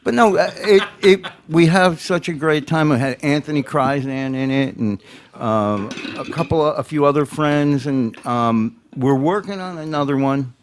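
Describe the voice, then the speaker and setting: A man's voice: on the high side, normal speed, a little hiss or hum. A man guest on a live radio show, rambling along in an easygoing way. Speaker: musician guest. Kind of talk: casual studio chat.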